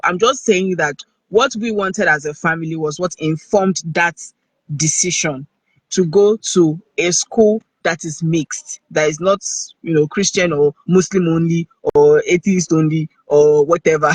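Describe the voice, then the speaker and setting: A man's voice: high voice, a bit bright, slightly rough, no room sound, rough recording. A man with a Nigerian accent speaking as a guest on a video-call live stream, earnest and conversational, often checking in with the listener. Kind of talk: casual live-stream talk.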